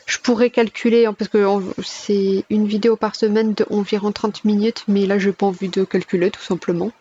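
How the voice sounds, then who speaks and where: A woman's voice: mid-range voice, little pitch movement, a little fast, warm tone, dull audio, a little hiss or hum. A woman gives a casual channel update in a chatty, self-correcting way, recorded at home. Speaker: gaming YouTuber. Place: at home, alone.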